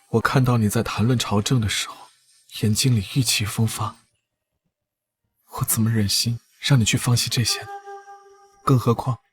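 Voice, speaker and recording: An actor playing a devoted young prince about to become emperor, talking softly and teasingly to the woman he loves. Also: medium pitch, lightly acted. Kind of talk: TV costume drama dialogue.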